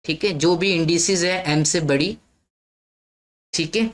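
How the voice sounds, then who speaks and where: A woman's voice: on the low side, measured pace, poor audio. A woman teaching a maths lesson, explaining step by step and often checking in with her listeners. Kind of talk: lecture mixing Hindi and English.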